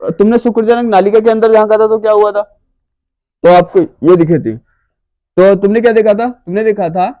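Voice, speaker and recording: A man teaches an exam revision lesson in a fairly high voice. He throws questions at the class and answers them himself. He draws out key terms word by word while writing them down. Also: fairly even intonation, moderate pace, mellow, highs cut off.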